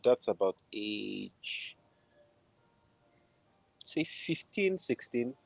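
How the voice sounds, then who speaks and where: A middle-aged film composer with a Nigerian accent tells his story casually as an interview guest on a video call, speaking very slowly in a medium-pitched voice with big pitch swings and vocal fry. He's in a room at home using wired earphones, and there's no echo.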